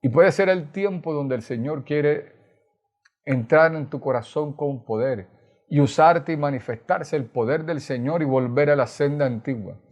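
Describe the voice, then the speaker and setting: Unhurried and a little mellow, this pastor's slightly high voice carries a Colombian Caribbean Spanish accent. The man, from Colombia, earnestly recounts scripture in his sermon, tossing in tag questions.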